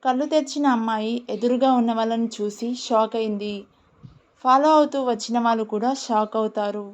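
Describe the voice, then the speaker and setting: Woman storyteller, higher voice. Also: fairly quick. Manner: plain steady reading. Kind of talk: audiobook story narration. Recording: dull lo-fi recording.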